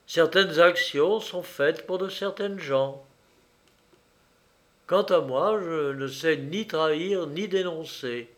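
A man's voice: a little high, takes it slowly. A man reading a storybook aloud, voicing a brave, upright young miller's son who speaks firmly and earnestly. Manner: firm, earnest, sometimes lamenting.

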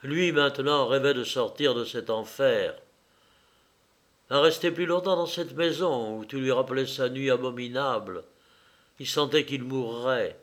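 Slow, measured male narrator. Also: mid-range voice, a bit bright. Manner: slow, measured literary reading. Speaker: audiobook narrator. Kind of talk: scripted narration.

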